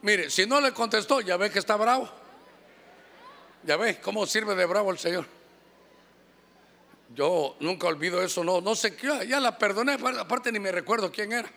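Animated high-voiced Honduran pastor preaching. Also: male voice, normal speed, vocal fry, pauses often. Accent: Honduran Spanish. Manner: animated preaching, acting out church members' voices. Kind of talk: sermon. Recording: long hall reverb.

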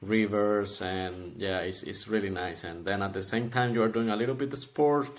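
On a casual podcast interview, a young Costa Rican calisthenics athlete in his twenties chats warmly and laughs frequently. His voice is on the low side, his speed normal, and his accent Costa Rican.

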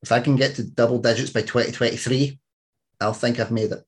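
The podcast host is a Scottish man in his thirties whose casual interview chat is full of rambling stories and restarts. His mid-range voice is husky and steady, and he talks fairly quickly.

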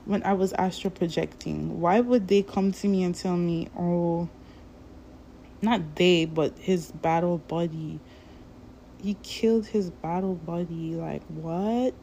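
A woman rants straight to her viewers in a slow, drawn-out and rambling way, swearing freely. Her voice is low, dark and gravelly with plenty of fry, and her words drag out at an unhurried pace. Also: fairly even intonation, a little hiss or hum. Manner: profane, rambling, drawn-out delivery. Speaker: vlogger. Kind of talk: casual ranting monologue.

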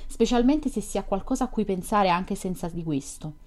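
A woman's voice: medium pitch, lively intonation, moderate pace, a little mellow, natural voice. A woman reading as a teasing, chatty young woman. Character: lively, curious young woman, teasing and talkative. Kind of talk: audiobook reading of a novel.

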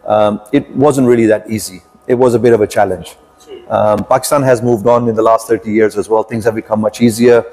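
A man in his fifties, a podcast guest telling his story in a measured, reflective way with frequent pauses. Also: fairly low pitch, fairly even intonation, a little mellow. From United Kingdom. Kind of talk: podcast interview.

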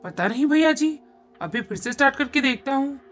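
A woman's voice: sits high, expressive, a little fast, fairly bright tone, soft background music. A woman voicing a friendly, helpless male auto-rickshaw driver in a storybook reading.

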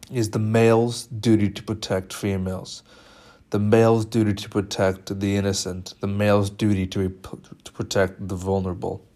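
Young man, lowish voice, film analysis talk, measured and slightly halting. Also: a little mellow. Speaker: media studies presenter.

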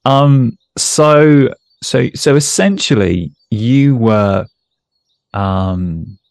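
A man's voice: medium pitch, expressive, extremely slow, gravelly, a little mellow, no echo. A man hosting a podcast interview, talking in a rambling, jokey, self-deprecating way. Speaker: podcast host. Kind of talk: casual conversational interview.

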